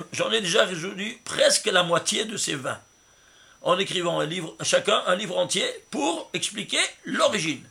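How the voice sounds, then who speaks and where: A man's voice: sits high, animated, normal speed, vocal fry, husky. A man, a rabbi, giving a Torah commentary, emphatic and often asking his listeners rhetorical questions. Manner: emphatic, stresses words loudly. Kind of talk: Torah commentary with number interpretation.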